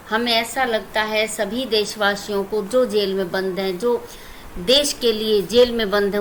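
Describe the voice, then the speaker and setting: A woman's voice: medium pitch, fairly bright tone, slight background noise, poor audio. A woman Hindi teacher with an Indian accent, reciting lines of verse and then explaining them plainly to her students. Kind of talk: poem explanation lesson.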